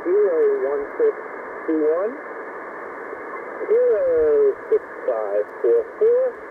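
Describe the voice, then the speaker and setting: A fairly high-voiced man makes a ham radio call, working through clipped phonetic call signs and signal reports. He is heard over a narrow, tinny radio receiver with heavy static hissing underneath. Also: sing-song, drawn-out words. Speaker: amateur radio operator.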